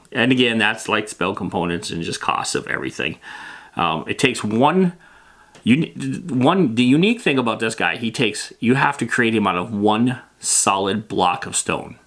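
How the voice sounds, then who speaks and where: With a bright, forceful voice on the low side, a lore-show host talks through fantasy gaming in a casual, improvised explainer. He speaks plainly and matter-of-factly, letting his thoughts ramble.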